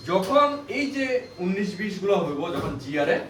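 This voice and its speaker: Teaching phone repair in an indoor classroom, this man has a high, sing-song, rather bright voice at normal speed. His style is repetitive and emphatic, full of rhetorical questions. Audio comes from a distant mic in an echoey room with faint background noise.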